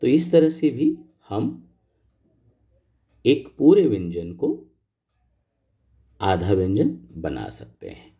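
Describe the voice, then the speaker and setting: A middle-aged male teacher takes a grammar lesson at an unhurried pace, patient and methodical. His voice is low and very dark, yet the pitch moves a lot as he asks the class questions. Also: wildly swooping pitch, vocal fry. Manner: patient, explains step by step with questions to pupils. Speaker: school Hindi teacher.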